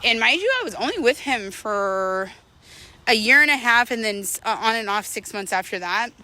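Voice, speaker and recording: This thirty-something vlogger speaks at a moderate pace in a fairly high, sharp voice full of lively intonation. Her talk is candid, slangy and meandering, the style of a relaxed confessional walking vlog.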